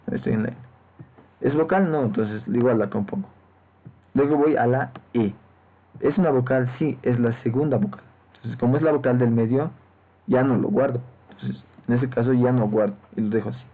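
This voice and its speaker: A man teaching programming in a step-by-step lecture, often checking in with his students through short tag questions. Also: mid-range voice. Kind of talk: screen-recorded lecture. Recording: tinny lo-fi phone-like mic.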